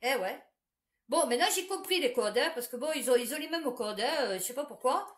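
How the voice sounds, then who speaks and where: A woman's voice: high-pitched, expressive, a little fast. A woman, telling a personal story to the camera in a blunt, crude, chatty way, breaking into laughter often.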